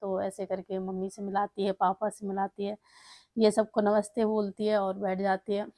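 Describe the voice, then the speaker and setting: Woman telling a story, dark dry voice. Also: mid-range voice, monotone, moderate pace, dry recording. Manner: retells dialogue in plain voice, with fillers and restarts. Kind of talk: casual spoken storytelling.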